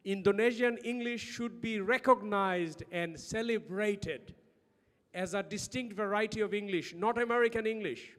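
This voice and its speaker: A man with a Bangladeshi accent presents at an academic conference in a notably high voice. He speaks emphatically, putting questions to his listeners as he makes his points. His words ring with the long reverb of a hall. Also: normal speed, fairly bright tone. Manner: emphatic, uses rhetorical questions. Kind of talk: lecture-style conference presentation.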